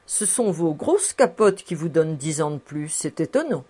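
A woman's voice: sits low, very animated, moderate pace, dark tone, breathy edge, full character voice. A woman voicing a fussing, cheerful old housekeeper in her sixties who chuckles as she coaxes. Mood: coaxing. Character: cheerful old female housekeeper, sixty-four, toothless.

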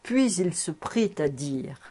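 A woman narrating a classic novel aloud in a measured, expressive way. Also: fairly low pitch, husky. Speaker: audiobook reader.

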